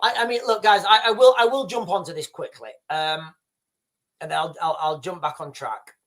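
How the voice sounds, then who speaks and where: Speaking at a moderate pace in a high, slightly bright voice, a livestream host from Yorkshire rambles through viewer comments. The commentary is casual, full of repeated and restarted phrases, with frequent nods to the viewers as "guys."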